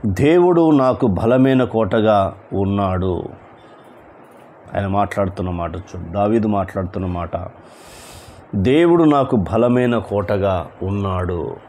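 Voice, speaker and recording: Male pastor, slow deliberate sermon delivery, faint noise behind. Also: fairly low pitch, animated, a little mellow. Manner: preaching with repeated rhetorical questions and sudden emphatic rises. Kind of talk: evening sermon.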